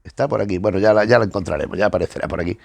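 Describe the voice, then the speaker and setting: A man hosting a comic review channel leafs through issues and talks fast, racing along in a casual, hesitant manner and repeating words as he looks for what to say next. His voice is lowish and a little mellow, with vocal fry. No echo is heard.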